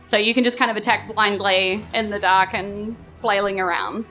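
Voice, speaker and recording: On stage at a club, a New Zealand woman acting as game master for a live tabletop game narrates in a playful, casual style, frequently rewording as she improvises. She speaks at a normal pace in a medium-pitched, bright, forceful voice; the audio is poor and music runs underneath.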